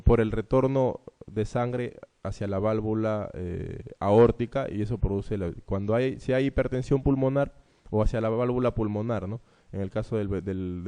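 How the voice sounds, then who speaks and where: A man going through medical exam questions in a conversational lecture, often checking in with quick asides. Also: fairly low pitch, warm tone. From Peru. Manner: conversational, checks understanding with frequent "¿no?" and "¿ya?".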